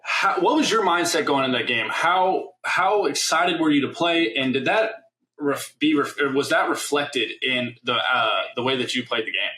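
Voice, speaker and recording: A man's voice: mid-range voice, normal speed, bright, forceful tone. A man in his twenties, a former college player, chatting casually about sports and telling stories emphatically, acting out quotes. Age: 20s. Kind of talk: casual sports podcast conversation. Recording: roomy, echoey sound.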